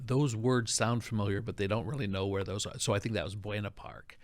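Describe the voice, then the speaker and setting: Conversational male interviewer with a lowish voice. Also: fairly even intonation, brisk. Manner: informal, wordy questions that recap and rephrase. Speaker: interviewer, show host.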